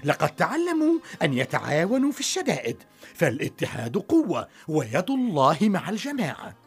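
A woman narrating a children's story in an expressive, dramatic way. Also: on the low side, fairly quick, breathy edge, faint music behind.

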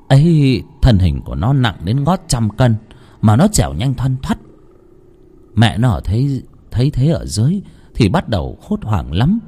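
A man narrating a ghost story with expressive delivery. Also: medium pitch, breathy edge.

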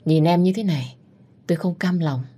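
A woman's voice: lowish voice, fairly quick, mellow, slightly rough. A woman voicing a worried caring young man. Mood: concerned.

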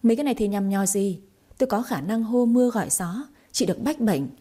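A woman's voice: medium pitch, lively intonation, fast talker, dark tone, natural voice. A woman voicing a boastful, cheeky young female fortune-teller in a storybook reading, with brash, chattering speech. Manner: brash, chattering, self-mocking.

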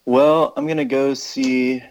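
This American man, a musician on tour, speaks slowly in a mid-range voice during a phone interview. He's relaxed, meandering, and thinking aloud, on a low-quality recording with slight background noise.

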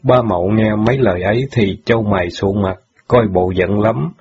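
A man narrating a story in a steady, measured way. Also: lowish voice, husky. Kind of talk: audiobook narration. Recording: dull lo-fi audio.

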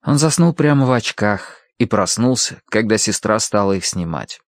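Expressive male audiobook narrator. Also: on the low side, no echo, studio quality. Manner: expressive, measured reading.

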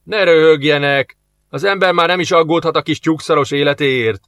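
A man's voice: medium pitch, big pitch swings, fairly bright tone, no room sound. A man doing a grumbling, wary soldier. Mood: indignant. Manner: grumbling, muttering.

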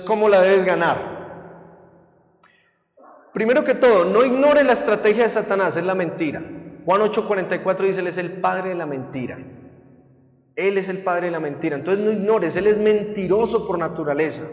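A man delivers a sermon in an animated way, slipping into quoted voices and sound effects as he teaches. His voice sits high for a man. It rings out with a long hall reverb. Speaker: preacher.

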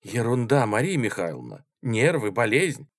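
A man's voice: mid-range voice, sing-song, normal speed, no room sound, studio quality. A man reading an audiobook, voicing a cool, dismissive male student who talks in a firm, lecturing way. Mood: reassuring.

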